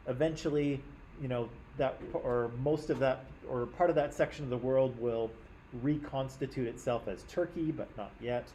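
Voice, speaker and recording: A male teacher leads a history lesson in a classroom in a relaxed, conversational way, often tagging his points with "right?". His tone is mellow and warm. Faint noise sits under the voice. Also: medium pitch, poor audio.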